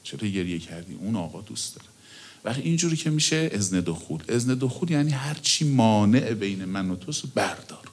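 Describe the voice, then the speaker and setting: A middle-aged male cleric preaching a sermon, emotive and often dropping to a hushed whisper. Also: on the low side, animated, husky.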